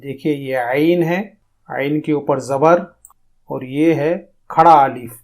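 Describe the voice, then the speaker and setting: Male teacher, somewhat high voice, patient explainer who stretches sounds out for practice. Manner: explains calmly, then drags out demonstration syllables slowly. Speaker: tajweed teacher. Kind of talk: recorded lesson.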